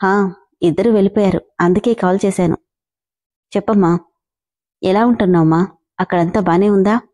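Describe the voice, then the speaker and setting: A woman's voice: medium pitch, fairly even intonation, normal speed, mellow, close to an everyday voice. A woman voicing a caring middle-aged mother who coaxes and reassures her daughter. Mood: coaxing.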